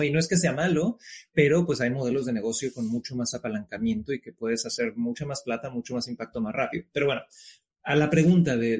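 A man in his thirties with a Mexican accent, a guest entrepreneur in a casual interview, talking in a relaxed, frank way and swearing now and then. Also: medium pitch.

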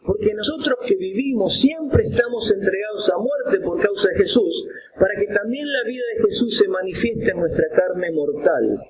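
A man with an Argentine accent preaching a sermon, acting out examples and breaking into shouts. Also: high-pitched, moderate pace. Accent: Argentine Spanish. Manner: animated, acts out examples with props, bursts into shouts. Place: church hall. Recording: roomy hall echo, faint ambient noise.

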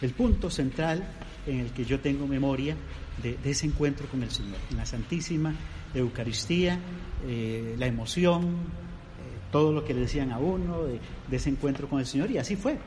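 Male priest, halting testimony, long reverb, faint background noise. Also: medium pitch, a little mellow. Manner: halting, searching for words. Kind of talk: recorded testimony interview.

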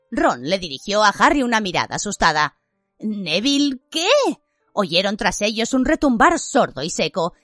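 A woman reads an audiobook with expressive storytelling. Her lively delivery moves freely up and down. It is a dry, close recording with faint music behind. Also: medium pitch, no room sound. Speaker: audiobook narrator. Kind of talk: scripted narration.

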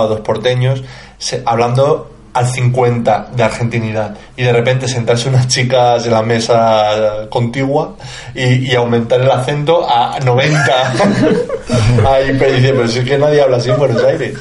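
Male co-host, anecdote teller, mid-range voice, echoey room sound. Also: medium pitch. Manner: chatty, tells anecdotes with laughter. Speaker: podcast co-host. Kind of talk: casual comedy chat. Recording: roomy echo.

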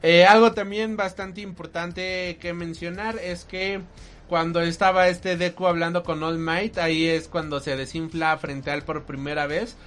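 A man's voice: fairly high pitch, measured pace. A man, talking casually and emotionally about an anime with many fillers. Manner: animated, emotional, filler-heavy. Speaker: anime reviewer co-host. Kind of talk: casual chat.

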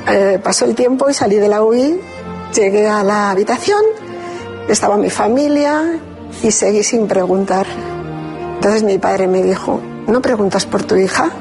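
Woman, interview guest, measured and reflective, hesitant restarts, light music behind. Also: mid-range voice. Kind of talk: emotional personal testimony.

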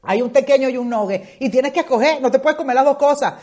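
A young Venezuelan woman talks into her headset mic as host of her own podcast. Her voice sits a little high, and she jokes, swears and jumps between asides in a loose, animated monologue. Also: fast talker. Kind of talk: casual comedic monologue. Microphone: headphones with mic.

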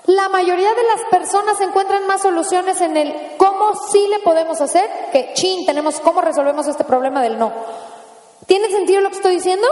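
A woman with a Mexican accent speaks to an audience in a lively motivational talk, tossing out rhetorical questions and playful asides. Her voice sits high. The sound rings with the long reverb of a large hall. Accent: Mexican Spanish.

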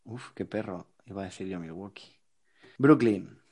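Hoarse Spanish man, easygoing. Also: sits low, moderate pace, a little mellow. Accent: Spain Spanish. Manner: joking, easygoing. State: hoarse today. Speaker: podcast co-host. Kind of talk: casual sports chat.

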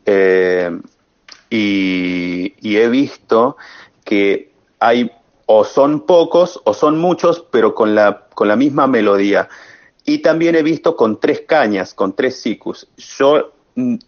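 Interview guest: man, low voice, very slow and halting, muffled lo-fi sound. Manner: slow, hesitant, many fillers. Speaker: guest musician. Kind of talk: interview answers. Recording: muffled lo-fi audio.

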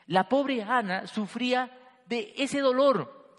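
High-voiced male preacher in a hall. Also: slow. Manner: expressive, rising and dropping between loud emphasis and hushed lines. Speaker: pastor. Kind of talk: sermon. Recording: long hall reverb.

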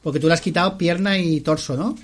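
A man running a tabletop game as game master, with a fairly high-pitched voice. He explains rules at length and keeps checking in with his players. Now and then he laughs along with the table. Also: fast.

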